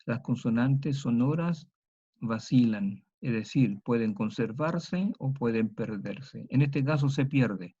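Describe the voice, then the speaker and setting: Methodical male lecturer, dark voice. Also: medium pitch, animated, husky, highs cut off. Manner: methodical, repeats each example slowly. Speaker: teacher. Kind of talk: university lecture.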